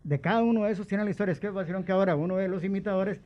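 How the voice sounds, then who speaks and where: A Costa Rican man, a guest impressionist, telling animated anecdotes in casual conversation. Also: high voice, very fast, dull audio. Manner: animated anecdotes, switching into voices. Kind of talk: casual storytelling.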